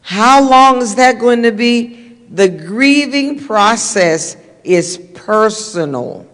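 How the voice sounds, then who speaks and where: A woman's voice: on the high side, lively intonation, slow, fairly bright tone. Older woman minister, earnest and conversational, church hall reverb. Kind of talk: sermon-style talk to a congregation. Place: church sanctuary.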